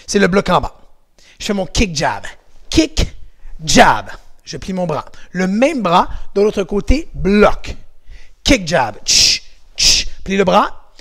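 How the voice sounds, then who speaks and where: A lively karate instructor with a Québécois French accent leads kids through a home workout. His voice is high and swings widely, with a gravelly edge, and he shouts out counts and kiai cries. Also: slow, long pauses.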